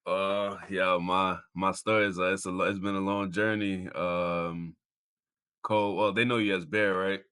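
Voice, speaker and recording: This deep, smooth, fairly bright voice belongs to a college football player from Miami, Florida, in his twenties, appearing as an interview guest. His delivery is flat and unhurried. He talks casually but earnestly and tends to repeat things to stress them.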